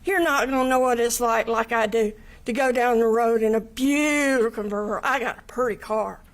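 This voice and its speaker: A woman's voice: a little high, steady tone, brisk. An older woman with a Southern accent giving an emotional courtroom statement as a victim's relative, blunt, swearing and close to tears. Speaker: victim's family member giving an impact statement.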